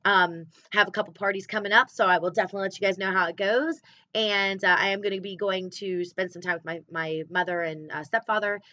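A woman's voice: medium pitch, steady tone, fairly quick, pushed and bright. A woman in her thirties talking candidly and emotionally in a casual personal vlog about her sales business and her kids. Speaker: clothing sales consultant. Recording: slightly dull, dry sound.

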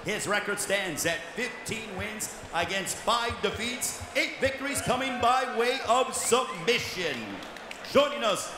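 A man working as a cage announcer, bellowing theatrical fighter introductions with drawn-out names, in the showy manner of a lucha libre announcer. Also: high-pitched, a crowd in the background. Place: large indoor arena, inside the cage. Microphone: handheld microphone. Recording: echoey arena PA with loud noise.

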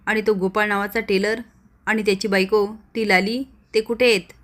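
A woman's voice: medium pitch, little pitch movement, moderate pace, fairly bright tone, natural voice. A woman voicing a stern village police officer. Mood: stern, threatening. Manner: threatening, lecturing.

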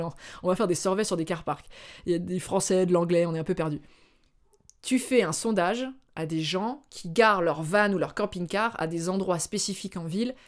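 A woman from France telling a personal story to her viewers in a casual, animated way, often pausing on filler sounds. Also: fairly low pitch. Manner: chatty, animated, acts out dialogue; hesitant with frequent filler sounds. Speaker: vlogger.

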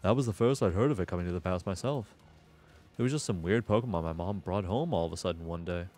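Man doing a low-voiced, sullen teenage boy. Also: quick pace, a little mellow, soft background music. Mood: wistful, resentful.

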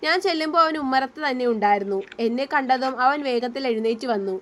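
A woman narrating a romantic story in a gentle, steady reading voice. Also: high-pitched, fast.

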